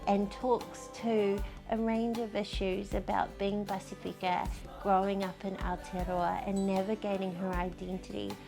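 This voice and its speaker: A woman presenting a book review segment, speaking directly to the audience. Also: mid-range voice.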